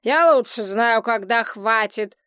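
A woman's voice: a little high, fairly bright tone, smooth, no echo, clean studio sound. Gelya, woman voicing a drunk whiny young woman. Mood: bitter drunk. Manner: slurred, slow and whiny. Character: tipsy capricious secretive young woman.

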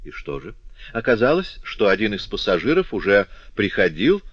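A man's voice: on the low side, sing-song, moderate pace, fairly bright tone, breathy edge, dry recording, muffled recording, full character voice. A man voicing a glib, self-assured young lancer officer. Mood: breezy. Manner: jaunty, glib, worldly-wise.

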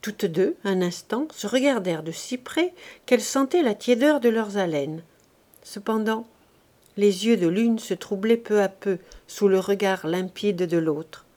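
A woman with a medium-pitched voice narrates a classic novel as an audiobook, in a measured and expressive way.

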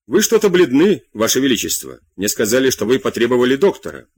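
Haughty young queen, audiobook, male reader, raised pitch, husky. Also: wildly swooping pitch, quick pace, no echo. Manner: haughty, proud.

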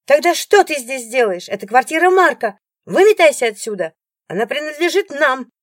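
A woman voicing a rude, bossy young wife who yells in a loud, shrill voice, in an audiobook. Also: sing-song, extremely slow, husky, dry recording, studio quality, exaggerated voice. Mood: shrieking, furious. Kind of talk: audiobook character voice.

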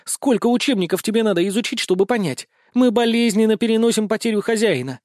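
A man's voice: sits high, fast talker, darkish tone, dry recording, studio quality, pitched above the performer's own voice, close to an everyday voice. A man voicing an irritable young female cat goddess spirit who scolds and frets, in an audiobook. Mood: indignant. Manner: scolding, indignant, fretful. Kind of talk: audiobook character reading.

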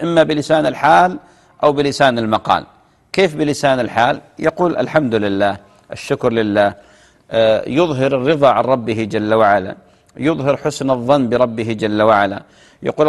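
A man, a television sheikh answering viewers' religious questions with measured explanations and chanted example phrases. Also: medium pitch, long reverb tail.

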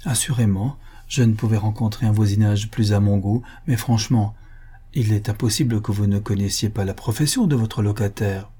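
A man reading the part of a reserved young widow, asking careful, polite questions in a measured way. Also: lowish voice, mellow, breathy edge. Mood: inquisitive.

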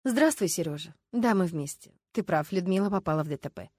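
A woman reading a calm, principled woman character in an audiobook, steady and level. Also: fairly low pitch, a little fast, no room sound, studio quality. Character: calm, composed grown woman, serious, principled.

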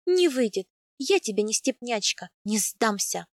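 A woman voicing a spirited young captive woman who speaks with proud, sharp-tongued mockery. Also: fairly high pitch, big pitch swings, unhurried, no echo, clean studio sound. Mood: mocking.

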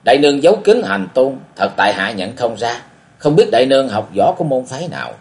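A man's voice: mid-range voice, very animated, fast talker. A man voicing a stern young swordsman hero. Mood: earnest. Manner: cold, commanding. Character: young male martial-arts hero, stern and bold. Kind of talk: audiobook character voice.

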